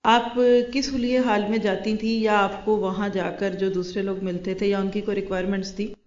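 A woman's voice: medium pitch, flat delivery. A woman teaching a Quran lesson to a class of women, asking her listeners question after question. Her voice sits in the middle of the range. The recording is muffled and lo-fi, with a noticeable room echo. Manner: asks the class rhetorical questions. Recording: roomy, dull lo-fi recording.

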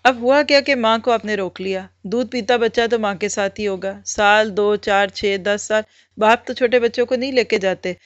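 Posing rhetorical questions and answering them herself, a woman explains Islamic teachings step by step in a religious lecture. She speaks at a moderate pace in a mid-range voice, captured in a muffled, lo-fi recording with no room sound.

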